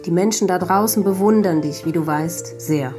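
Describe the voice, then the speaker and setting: A woman hosting a podcast, speaking gently and empathetically, in conversation and in a scripted closing. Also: fairly low pitch, normal speed, soft background music. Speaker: podcast host.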